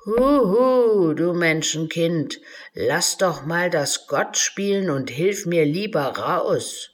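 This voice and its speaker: A woman voicing a tiny, bossy male unicorn who is stuck in rock and complains loudly, in a storybook reading. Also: fairly low pitch, animated, slow pace. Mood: pleading. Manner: loud, complaining, cries out in pain.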